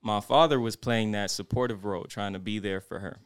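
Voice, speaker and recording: A man's voice: fairly low pitch, steady tone, fairly quick, clear, resonant tone, no echo, studio quality. A young man co-hosting a podcast, telling a personal story in a reflective, rambling way with lots of fillers. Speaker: podcast co-host. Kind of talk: casual podcast chat.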